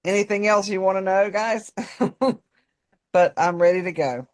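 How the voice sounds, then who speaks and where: Southern lady w/ north carolina accent, coaching talk, folksy, informal, medium pitch, talks right at you. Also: fairly quick. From North Carolina, United States. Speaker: personal development coach, guest presenter. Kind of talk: informal presentation to a group.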